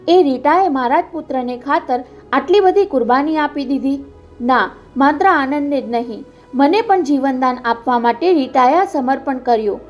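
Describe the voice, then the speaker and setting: A woman narrating an audiobook with a dramatic, steady reading. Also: sits high.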